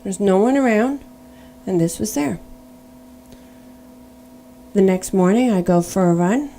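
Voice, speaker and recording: A woman's voice: mid-range voice, expressive, measured pace, dark tone, slight background noise. A middle-aged woman giving a personal faith testimony, earnest and storytelling, now and then spelling words out letter by letter.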